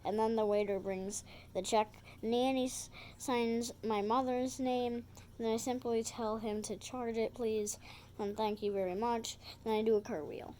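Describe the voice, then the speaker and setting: A woman's voice: on the high side, fairly even intonation, warm tone, slight background noise. A woman reading a children's picture book aloud, stumbling over words and correcting herself. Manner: halting reading with slips and self-corrections.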